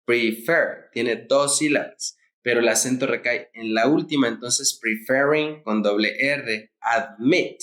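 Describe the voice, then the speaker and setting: Guy teacher going over grammar rules, spells stuff out slow, repeats himself a lot. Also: medium pitch, a bit bright. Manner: spells out letters, repeats key points.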